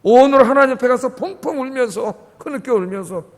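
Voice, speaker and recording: A man preaching in a church sanctuary, his high voice carrying a long reverb through the room. He is impassioned, dropping to quiet asides and rising to loud pleading. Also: a little fast. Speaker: pastor. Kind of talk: sermon.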